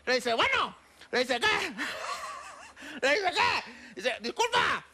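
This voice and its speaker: An actor playing a corny male stand-up comic with a Mexican accent, using a high put-on voice and giggling at his own bad jokes in a TV comedy sketch. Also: very animated, slow pace, sharp tone, heavily acted. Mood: giggly.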